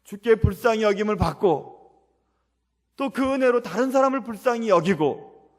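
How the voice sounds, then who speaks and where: A male pastor preaches in a high, gravelly voice, circling back to the same refrain with earnest insistence. His words ring out with a long reverb that trails through the church hall. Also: lively intonation, normal speed. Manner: earnest, repetitive preaching cadence. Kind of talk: sermon. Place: church sanctuary.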